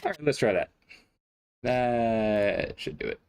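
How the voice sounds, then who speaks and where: Gravelly, easygoing male esports caster. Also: medium pitch, animated, slow. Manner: easygoing, wry. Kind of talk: casual pre-show chat while fixing stream audio. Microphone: desk mic at a streaming setup.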